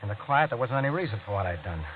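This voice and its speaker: In old radio drama style, an actor narrates as a guilty, panicky man on the run after a killing, speaking in the first person with a haunted, brooding mood. His lowish, natural voice is animated, tense and hurried, and he stammers when questioned. The dull 1940s-50s broadcast has music and a faint hiss or hum.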